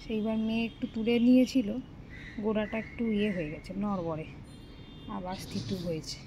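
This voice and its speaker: A woman's voice: mid-range voice, brisk, poor audio. A woman, chatting casually through her household routine as a home vlogger. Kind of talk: casual home vlog narration. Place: home, garden, balcony and kitchen. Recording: loud background noise from cooking.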